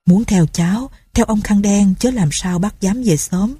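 A woman's voice: medium pitch, a little slow, warm tone, husky, no room sound, clean studio sound. A woman voicing a fearful, bitter old peasant man who laments his fate.

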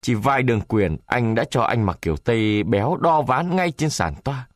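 A male storyteller reads a historical tale with a lively, rising and falling pitch. His voice is mid-pitched, and the recording is dry and close, with no room sound. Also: normal speed, dry recording. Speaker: narrator. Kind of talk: storytelling narration.

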